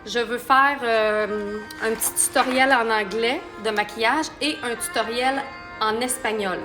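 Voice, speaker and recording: A woman's voice: on the high side, unhurried, music in the background. A woman with a Québécois accent giving a chatty live makeup tutorial and talking viewers through each step. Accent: Québécois French. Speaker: makeup artist.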